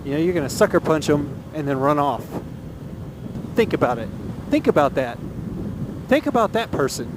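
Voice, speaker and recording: His voice a little high with big pitch swings, this Texas rider talks at a moderate pace, leaving long pauses between thoughts. It's a casual, earnest opinion monologue from a motovlogger who repeats phrases for emphasis, captured on a helmet mic amid loud wind and engine noise.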